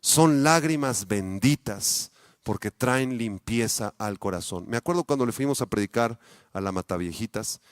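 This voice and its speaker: A man with a Mexican accent, a pastor delivering a sermon, speaking straight to his congregation with many rhetorical questions, his voice swinging between loud peaks and quiet, low asides. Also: lively intonation, moderate pace, no echo. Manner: addresses the congregation directly with frequent rhetorical questions.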